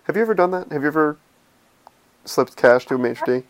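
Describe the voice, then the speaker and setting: A man's voice: fairly high pitch, lively intonation, brisk. A man co-hosting a casual TV recap chat, making dry, wry remarks. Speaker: podcast co-host.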